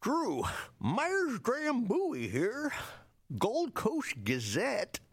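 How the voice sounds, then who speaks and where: Flustered old newspaperman, as a man puts him on; slow, wobbly pitch, halting and easily shocked. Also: huge pitch swings, breathy edge, full character voice. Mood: rambling. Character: flustered elderly male small-town newspaper reporter.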